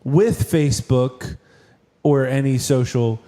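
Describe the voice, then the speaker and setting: A man, a stand-up comedian, chatting as a podcast guest and telling stories in an animated, self-amused way. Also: medium pitch, takes it slowly. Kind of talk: casual podcast chat, storytelling.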